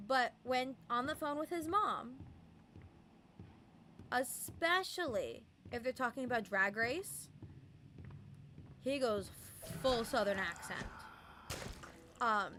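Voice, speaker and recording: Over a noisy background, a young adult game streamer with a mid-range voice chats casually on a live stream. The talk rambles, packed with "um" and "like," and is spiced up with playful voices and mimicry.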